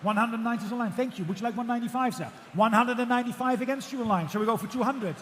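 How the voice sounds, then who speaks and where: Man, auctioneer, rhythmic bid calling, very high pitch, projected, long hall reverb, faint noise. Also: rapid-fire. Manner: rhythmic auctioneer patter, repeating numbers; projecting loudly to a room. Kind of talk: auctioneer calling bids at a live car auction. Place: large auction room with bidders.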